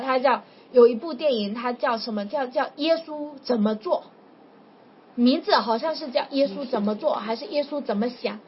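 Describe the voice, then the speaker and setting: A woman preaching informally to a small group, telling a story in a chatty, animated way. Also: high-pitched. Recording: dull lo-fi with faint noise.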